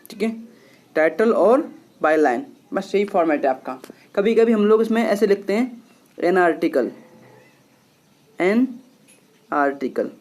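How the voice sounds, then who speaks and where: Here a male English teacher, his voice pitched high and a touch mellow, gives a lesson. Patient and repetitive, he keeps going over points and addresses the class as children.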